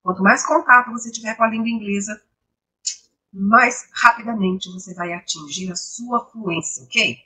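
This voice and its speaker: Brazilian lady teaching english on a live stream, bright, a bit husky, kinda hoarse. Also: mid-range voice, moderate pace, low-quality recording. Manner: explains patiently, asks the class rhetorical questions. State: slightly hoarse, coughing. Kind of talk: online English lesson with Bible reflection.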